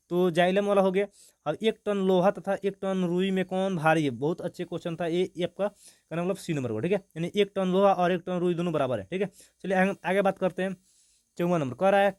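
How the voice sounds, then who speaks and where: A young man in an informal online class, working fast through an exam answer key with many restarts. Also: high-pitched, no room sound, studio quality. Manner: talks fast, with frequent restarts and repeated "ठीक है".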